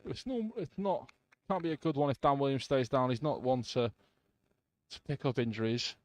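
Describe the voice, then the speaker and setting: A man's voice: mid-range voice, normal speed, no room sound. Man calling football from the stands. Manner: calm play-by-play with brief asides to listeners. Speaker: football radio commentator. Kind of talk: live football commentary.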